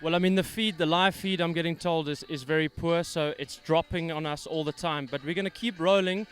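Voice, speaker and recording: Male presenter, breathless, high tenor voice, faint music under him. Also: steady tone, brisk, fairly bright tone. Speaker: host of a live tournament broadcast. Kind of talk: live interview.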